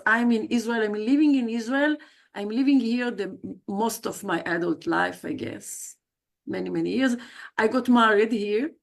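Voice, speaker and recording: A South American woman, a leadership coach appearing as a guest speaker, introduces herself on a livestreamed video call in a chatty, personal way, hesitating and correcting herself often. Her voice is mid-range and gravelly.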